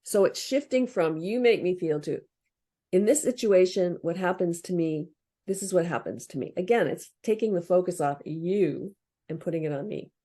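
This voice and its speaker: A woman with a lowish, dark-toned voice speaks expressively at a moderate pace during an interview. A guest discussing relationship books, she explains advice practically and reflectively in casual talk, acting out sample phrases.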